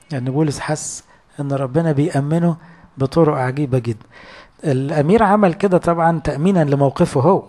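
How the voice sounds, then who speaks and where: A man's voice: on the high side, warm tone. A man with an Egyptian Arabic accent, a priest giving a sermon that explains scripture in colloquial storytelling and often asks his listeners questions.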